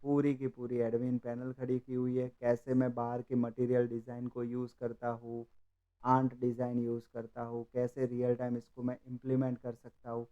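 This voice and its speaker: A man's voice: mid-range voice, monotone, moderate pace, warm tone, highs cut off. A man who runs a coding course, explaining his training while walking through projects on his screen. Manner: persuasive, explaining. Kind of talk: screen-share walkthrough.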